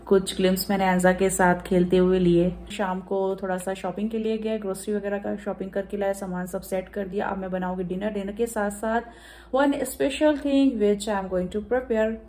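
A woman's voice: mid-range voice, level tone, moderate pace, darkish tone. A young woman chatting casually through a home vlog, slipping English into her talk. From India. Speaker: vlogger.

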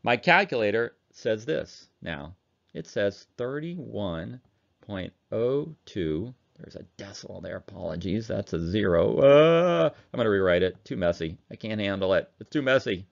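Here a male chemistry teacher gives an online lecture, chatting loosely as he punches through calculator problems. He speaks at a measured pace in a fairly low, sing-song voice with some vocal fry, captured on a dull, lo-fi recording.

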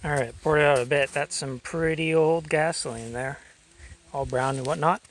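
A man's voice: on the high side, fairly even intonation, normal speed, slight background noise. A young man casually narrating an outdoor vlog on a handheld camera, rambling with many fillers as he thinks aloud. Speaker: vlogger showing a fuel tank. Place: outdoors in a grassy yard. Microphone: handheld camera mic.

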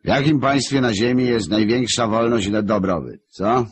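A tall dignitary of hell flatters his master in an officious tone and a husky voice, as a male narrator puts him on. It is pitched above the reader's deep tone. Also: moderate pace, natural voice. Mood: obsequious.

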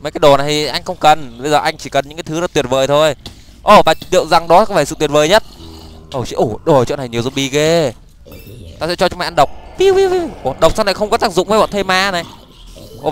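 A young man giving excitable let's-play commentary, with quick stammered repeats and sudden exclamations while he plays. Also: a little high, a little hiss or hum. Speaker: gaming YouTuber.

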